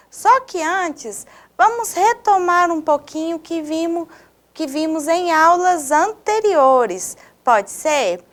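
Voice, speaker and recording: A Brazilian woman teaching a recorded lesson to her students. Her voice is high and she speaks slowly and deliberately, stressing each word. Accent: Brazilian Portuguese. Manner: slow, clearly stressed didactic delivery addressing students. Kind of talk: scripted video lesson.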